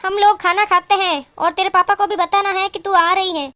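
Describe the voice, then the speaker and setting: Woman playing a middle-aged cartoon mom, very high voice, doting, indignant. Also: steady tone, moderate pace, pushed and bright. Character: middle-aged mother, fiercely protective of her daughter. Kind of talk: cartoon voice acting.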